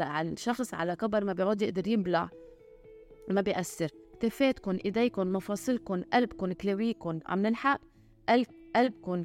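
A woman speaks in Lebanese Arabic-accented speech at a brisk clip, with a medium pitch. She hosts a casual podcast of motivational health advice, slipping in English and French words. Light music is heard along with her voice. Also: darkish tone. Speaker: podcast host.

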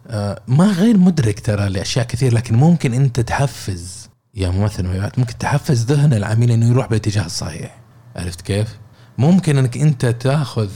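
Saudi male sales trainer, dark husky tone, casual and explanatory. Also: on the low side. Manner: chatty, explains with made-up example dialogues. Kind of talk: informal training talk.

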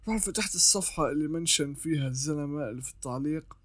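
A man talks quickly and casually, walking the listener through advice step by step and often restarting his sentences. His voice sits a little high, and the recording is dry and close, with no room sound. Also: fairly bright tone, no echo. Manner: chatty, explains step by step with frequent restarts. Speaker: artist giving freelancing advice.

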